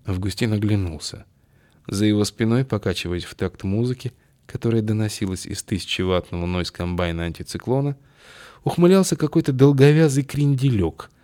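Low-voiced man narrating an audiobook. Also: a little mellow. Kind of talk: scripted narration.

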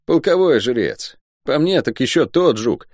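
A man voicing a boisterous, cheeky male soldier and gambler who talks in loud, excitable exclamations. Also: medium pitch, measured pace, no room sound, studio quality, voice pushed up. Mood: chatty.

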